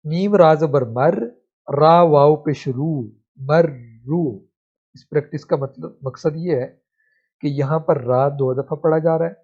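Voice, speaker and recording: A man teaches a reading lesson, spelling each syllable slowly before blending them together. His voice is dark and husky. The recording is dull and muffled. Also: a little high.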